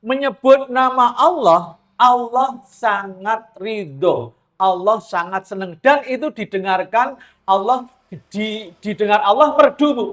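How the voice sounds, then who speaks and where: Javanese-accented male preacher, high voice, unhurried, playful sermon delivery. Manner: lively, joking, mixes in Javascript-free Javanese asides and sung lines.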